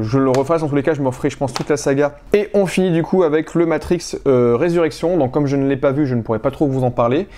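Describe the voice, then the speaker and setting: A man's voice: medium pitch, warm tone. A man from France talks through his film collection in a casual vlog, hesitant, with many fillers and restarts. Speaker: collector showing his purchases.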